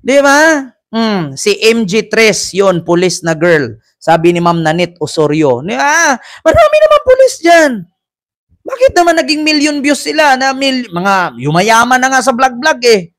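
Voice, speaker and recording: A man's voice: very high voice, very animated, a little slow, a bit bright, no room sound, clean studio sound. A man hosting a casual live commentary, chatting with rhetorical asides and reading viewer comments aloud. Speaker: commentary vlogger and host.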